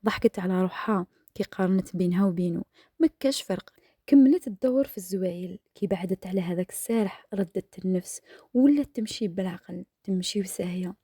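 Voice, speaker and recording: Woman, Algerian accent, whispered storytelling, mellow breathy voice, dry close mic. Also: medium pitch, fast, dry recording. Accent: Algerian Arabic. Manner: hushed, half-whispered narration. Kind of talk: whispered storytelling while cooking.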